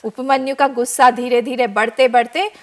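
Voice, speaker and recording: A woman spiritual teacher, a guest expert in a TV studio, giving a devotional talk as an animated storyteller. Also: on the high side, moderate pace. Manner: animated storyteller, acts out characters.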